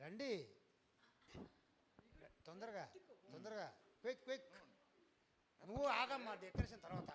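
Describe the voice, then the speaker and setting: A man hosting a community singing and acting event, briskly calling up participants and hurrying them along. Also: high-pitched, lively intonation, background noise. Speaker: event organizer and host.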